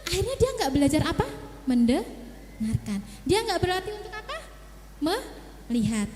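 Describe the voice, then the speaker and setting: A woman with a very high, lively voice gives a parenting seminar, coaching mothers and acting out scenes between parent and child. Her voice rings through a hall with long reverb. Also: normal speed, slight background noise. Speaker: child psychologist speaker.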